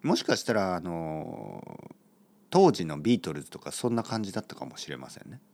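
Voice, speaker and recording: A man's voice: low-pitched, sing-song, fairly quick, creaky, a little mellow. A man hosting his own podcast in a casual, rambling way, with many fillers and playful self-mockery. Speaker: podcast host. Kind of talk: casual solo podcast talk.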